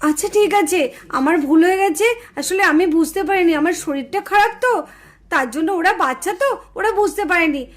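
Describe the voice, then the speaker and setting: A woman's voice: extremely high pitch, brisk, voice pushed down. A woman doing a meek, unwell mother. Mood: apologetic. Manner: soft, apologetic, pleading. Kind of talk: doll-show voice acting.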